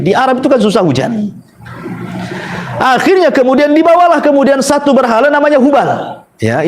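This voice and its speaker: A man preaching a religious lecture in a storytelling way, his voice jumping up on questions and dropping low on asides, with small chuckles and self-corrections. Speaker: Islamic preacher.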